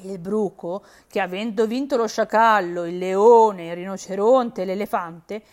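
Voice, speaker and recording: A woman storyteller narrating a fairy tale in an expressive, often soft and hushed voice. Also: medium pitch, unhurried.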